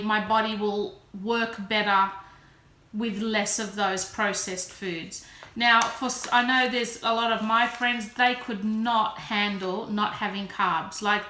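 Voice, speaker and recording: A woman in her early forties chats casually and candidly in a self-deprecating personal vlog. Her voice is fairly high, bright and forceful. The recording has a roomy echo and faint background noise.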